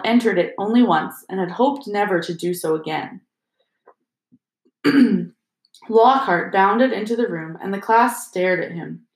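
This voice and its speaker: A woman narrating a fantasy novel as an audiobook, in a steady storytelling manner. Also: medium pitch. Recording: roomy echo.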